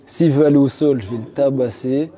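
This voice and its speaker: A man's voice: medium pitch, a little fast, warm tone. A man in his twenties, an amateur fighter, answering interview questions earnestly and with growing confidence. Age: 20s. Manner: earnest, confident, sometimes boastful.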